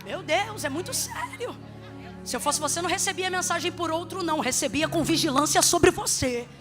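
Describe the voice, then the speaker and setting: A woman pastor preaching a sermon in church, switching between emphatic shouting and humorous, chatty asides. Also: very high voice, animated, normal speed, music in the background. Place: church sanctuary.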